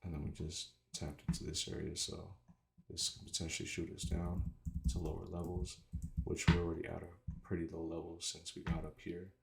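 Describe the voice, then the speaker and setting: A man with a slight lisp from wearing retainers gives casual, halting commentary, thinking aloud informally as he analyzes. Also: low-pitched, monotone, gravelly. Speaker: trader doing market analysis. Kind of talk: casual screen-share commentary.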